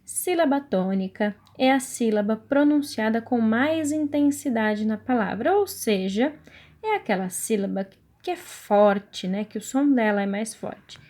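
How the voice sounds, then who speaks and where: Brazilian woman teacher, fairly high voice, patient, lesson-style delivery. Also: darkish tone, slight background noise. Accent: Brazilian Portuguese. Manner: patient, stretches out key words slowly. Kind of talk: recorded online lesson.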